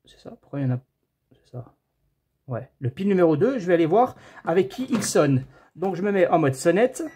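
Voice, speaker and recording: A man's voice: sits high, big pitch swings, brisk, warm tone, slight background noise. A man giving a casual hands-on TV repair tutorial, chatting to viewers as friends and thinking aloud as he measures. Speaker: TV repair technician.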